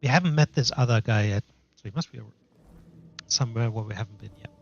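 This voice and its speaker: A man's voice: mid-range voice, fast, vocal fry. Male game streamer, slightly dull mic. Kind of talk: casual live gameplay commentary, reading dialogue choices aloud.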